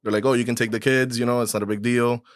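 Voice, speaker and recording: A man born in Cuba, a podcast guest in his thirties, telling his own story in a relaxed, rambling way with many fillers and restarts. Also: mid-range voice, fast, no echo, studio quality. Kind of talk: casual storytelling.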